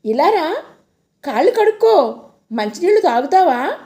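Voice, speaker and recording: A woman's voice: a little slow, heavily acted. A woman voicing a loving elderly grandmother who fusses and asks anxious questions in an audio story. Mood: anxious, fussing. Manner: excited, high-pitched questioning.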